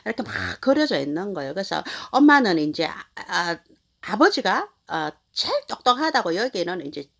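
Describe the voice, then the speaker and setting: Woman in her fifties, casual storytelling, lively swooping voice, rambling with fillers. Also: medium pitch, normal speed, gravelly. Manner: animated, rambling with many fillers. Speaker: channel host.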